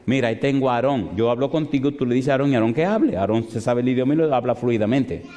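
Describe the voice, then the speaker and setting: Man doing God as a brisk fatherly voice. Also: medium pitch, dark tone, close to an everyday voice. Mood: firm. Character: God as a firm fatherly male voice. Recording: long hall reverb.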